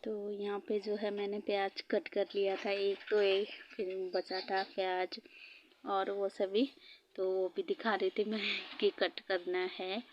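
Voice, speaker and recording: A woman's voice: mid-range voice, little pitch movement, slow, muffled recording, a little hiss or hum. A woman vlogger narrating her day in a chatty, rambling voice-over, laughing often. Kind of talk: casual voice-over vlog narration.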